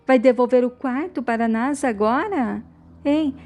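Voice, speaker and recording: A woman's voice: high-pitched, measured pace, darkish tone, soft background music, voice pushed up. A woman reading out a bitter accusing soap mother. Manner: bitter, demanding, repeated challenges. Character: distraught accusing middle-aged mother.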